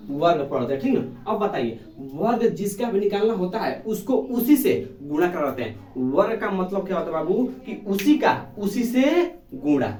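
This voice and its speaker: A man's voice: high-pitched, dark tone, far from the mic. A man teaching a basic math lesson to children, asking questions and answering them himself in a patient, repetitive way. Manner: calls pupils "babu", affectionate. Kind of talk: classroom lesson. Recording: echoey room, voice from off the mic.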